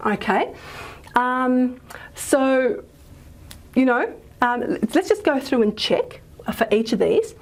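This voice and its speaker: A woman lecturing on phonetics in a casual, recorded class. She fills her talk with ums and frequent "okay?" checks, sounds out example consonants, and pauses while she writes and erases on the board. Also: high voice, very animated.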